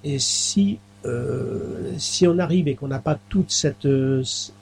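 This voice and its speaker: A middle-aged man, a mayor, answering interview questions in a halting way, with many fillers and restarts. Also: medium pitch, vocal fry, darkish tone, slight background noise. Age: middle-aged or older.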